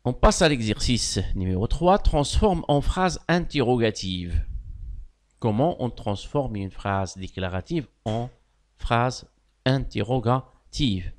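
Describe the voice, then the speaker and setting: Leading a classroom grammar lesson, a primary school French teacher explains things slowly and deliberately in an animated voice. His pitch swings widely, he hits key words with sudden loud lifts, and he often praises his pupils' answers.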